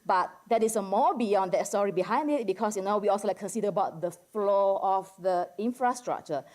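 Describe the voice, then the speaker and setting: A woman with an Indonesian accent, originally from Medan, gives a relaxed academic talk to a general audience in her role as a conference discussant. She speaks in a halting, conversational way, often dropping in "like" and "you know," with a mid-range, slightly mellow voice.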